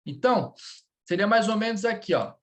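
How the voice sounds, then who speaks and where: A man's voice: sits high, expressive, moderate pace, fairly bright tone. A Brazilian man teaching French in a live lesson, speaking Portuguese with a Brazilian accent, patiently repeating words and checking in with his students.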